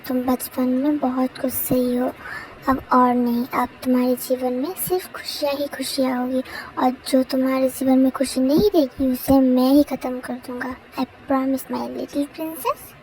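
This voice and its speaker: A man's voice: very high-pitched, fairly even intonation, a little slow, a little mellow, voice pushed down, rough recording. A young man voicing a protective older-brother gang boss who soothes his little sister, in a fan story told over a windy phone recording. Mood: doting. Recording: windy outdoor noise from a main road.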